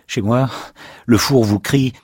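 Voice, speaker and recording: A man voicing an excitable, sarcastic patient confessing he destroyed his talking house. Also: mid-range voice, takes it slowly, husky, no room sound, clean studio sound, voice pushed up. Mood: excited. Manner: excitable, sarcastic, swings to shouting.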